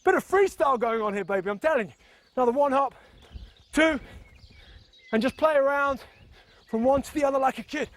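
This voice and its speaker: A man's voice: extremely high pitch, animated, fairly quick, pauses often. A man leading a fitness video, talking energetically and a little out of breath as he bounces and demonstrates moves. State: slightly out of breath while exercising. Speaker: fitness instructor.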